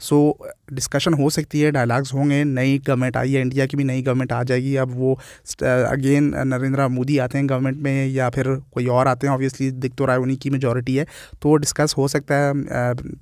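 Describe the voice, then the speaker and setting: A man's voice: medium pitch, a little mellow, dry recording, clean studio sound. A man with a Pakistani Urdu accent giving opinionated cricket commentary in a channel vlog, talking in short listed phrases with English words mixed in.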